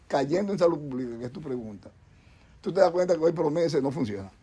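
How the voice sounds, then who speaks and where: A middle-aged doctor from the Dominican Republic, speaking Dominican-accented Spanish, guests on a talk show panel and rambles with many restarts and repeated words. His fairly high voice is animated, a little fast and mellow, with a breathy edge.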